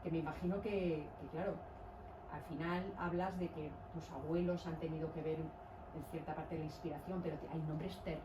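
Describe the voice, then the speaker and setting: A woman's voice: low voice, steady tone, moderate pace, reverberant, far from the mic, background noise. A Spanish woman, a journalist, asking questions in a chatty, somewhat hesitant way. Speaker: journalist host. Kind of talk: book presentation talk.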